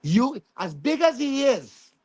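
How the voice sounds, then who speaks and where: High-voiced Jamaican man with Patois phrasing. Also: sing-song, slow pace, darkish tone, no echo. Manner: emphatic, repeats phrases. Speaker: YouTuber interview guest. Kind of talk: casual storytelling in an interview.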